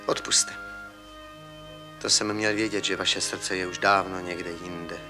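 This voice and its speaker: An actor playing a lovestruck, fussy middle-aged village constable in an old film. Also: male voice, low-pitched, level tone, music in the background. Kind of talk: 1950s film acting.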